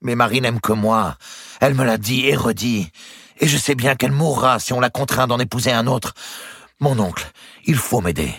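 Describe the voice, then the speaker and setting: A man voicing an impassioned young man in love, pleading and high-strung in a storybook reading. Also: moderate pace, gravelly, a bit bright, husky, no room sound, clean studio sound.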